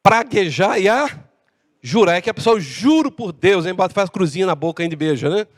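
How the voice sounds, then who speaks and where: A Brazilian man preaching a sermon as pastor, acting out dialogue with lively changes of voice. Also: high-pitched, a little fast. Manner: animated preaching with acted-out dialogue. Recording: long hall reverb.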